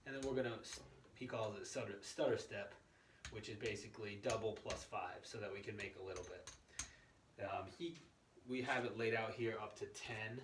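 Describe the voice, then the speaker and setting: A man with a slightly low voice presents an informal walk-through. He talks conversationally and goes step by step, checking that listeners follow. The room is clearly echoey and he sounds some distance from the microphone. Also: a bit bright. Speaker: presenter of a gambling strategy tutorial. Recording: echoey room, distant mic, faint noise.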